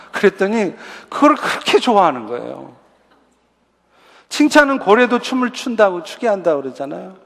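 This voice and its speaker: A man with a notably high voice preaches a sermon, talking to his congregation in a conversational way and asking them rhetorical questions. His words ring out with a long reverb, as in a large church sanctuary. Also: a bit bright. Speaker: pastor.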